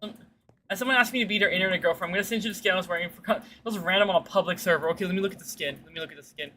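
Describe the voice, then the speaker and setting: Talking rapid-fire in a voice fairly deep for a woman, this streamer chats casually with viewers as she plays. Her rambling stories are slangy and sweary, with quotes performed in character. There's a slight hiss or hum in the background.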